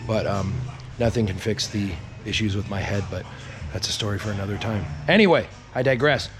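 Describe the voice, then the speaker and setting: A man's voice: lowish voice, a little fast, over music. A man chatting casually as a vlog host, with a self-deprecating, joking manner. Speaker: host of a truck build vlog.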